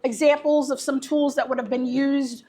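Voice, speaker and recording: A woman with a moderately high-pitched voice leads an informal tour. She explains in a halting manner, often stopping partway through a phrase before carrying on. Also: steady tone, darkish tone. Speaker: museum guide.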